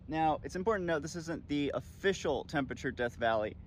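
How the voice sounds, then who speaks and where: Speaking briskly with a somewhat high voice and lively intonation, a man from a desert region explains things to camera as a video journalist. He's out in the open desert, at times near vehicles, and the outdoor recording carries clear ambient sound.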